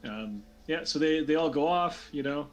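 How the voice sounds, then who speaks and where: A man's voice: fairly high pitch, animated, normal speed, faint music behind. A man narrating a tabletop fantasy game as game master, talking loosely with many fillers and restarts.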